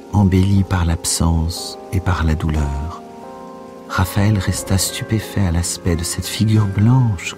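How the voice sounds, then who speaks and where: A man reads a classic novel aloud for a radio broadcast, measured and expressive. His voice sits very low. Faint music runs underneath. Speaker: reader. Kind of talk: literary reading for radio.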